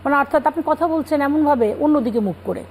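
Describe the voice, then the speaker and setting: Woman guest scholar, calm explanatory delivery, relaxed tone, light background hiss. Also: high voice, quick pace, low-quality recording. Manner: calm explanatory, cites scripture. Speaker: religious guest speaker. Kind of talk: Islamic talk show explanation.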